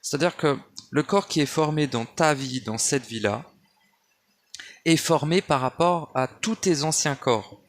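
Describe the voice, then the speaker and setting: Talking a little slowly in a voice on the high side, a spiritual speaker rambles at home, wandering off track and restarting again and again with many fillers. He addresses the listener as "tu," and the recording uses a handheld phone or basic mic.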